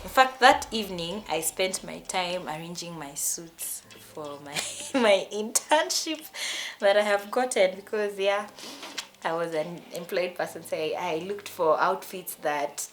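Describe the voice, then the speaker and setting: A young woman with a Kenyan accent tells a personal storytime vlog in a lively, emotional way, often restarting her sentences. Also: lowish voice, unhurried. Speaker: vlogger.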